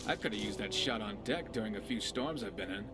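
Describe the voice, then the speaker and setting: A male actor with a fairly low voice plays a roguish, witty pirate companion in a video game, musing wryly and philosophically in a conversational way. He talks quickly in a near-everyday voice over loud music.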